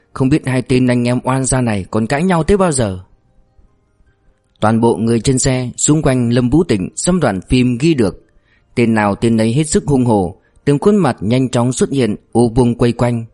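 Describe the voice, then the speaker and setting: A man narrating a novel as an audiobook in a steady storytelling way. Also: medium pitch, normal speed. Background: faint music.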